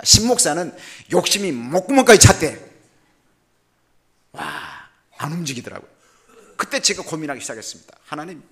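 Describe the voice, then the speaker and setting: Older male missionary preacher; bright, forceful voice, jokey storytelling sermon with big dynamic swings. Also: a little high. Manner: animated and humorous, voice swinging from loud to quiet. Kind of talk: sermon with personal stories.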